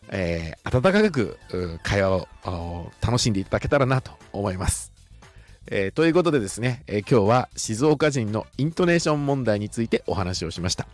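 A man from Shizuoka with a Shizuoka accent, hosting a solo podcast in a polite, chatty way full of filler pauses. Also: on the low side. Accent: Shizuoka Japanese. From Shizuoka, Japan. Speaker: podcast host. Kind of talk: casual solo podcast talk.

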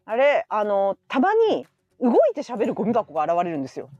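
A woman hosting a live internet radio chat, telling a story with excitement, laughing often and acting out quoted lines. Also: medium pitch, a little fast, dry recording, highs cut off, soft background music. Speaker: radio show host. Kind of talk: casual chat on a live stream.

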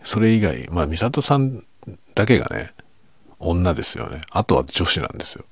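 Very deep, gravelly, quiet-talking man. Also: sing-song, normal speed, no room sound. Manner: quiet, low-key late-night talking. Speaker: writer chatting as host. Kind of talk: casual late-night solo chat.

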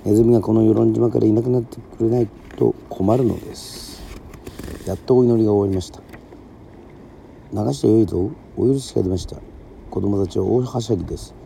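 A man from Yoron Island, a musician and podcast host, reading a children's story aloud in a steady storytelling manner. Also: fairly low pitch, fast talker, vocal fry, a little hiss or hum. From Yoron Island, Japan. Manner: steady storytelling with casual asides.

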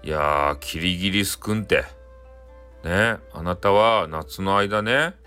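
A man voicing a group of busy, hardworking ants with a brisk, no-nonsense manner and a Hakata accent. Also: sits low, sharp tone, soft background music, exaggerated voice. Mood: reproachful. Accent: Hakata dialect.

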